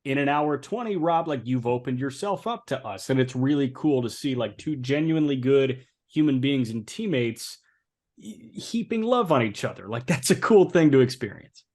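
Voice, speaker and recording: Relaxed man co-hosting a podcast. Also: mid-range voice, moderate pace. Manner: relaxed, appreciative. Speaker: podcast co-host. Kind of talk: casual podcast chat.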